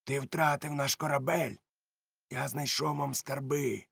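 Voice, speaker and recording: A man voicing a crafty one-legged pirate cook who leads the crew, switching between shouted threats and sly, soft mockery, in an audiobook reading. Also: mid-range voice, fairly even intonation, unhurried, creaky, breathy edge, no echo, clean studio sound, pitched above the performer's own voice, heavily acted.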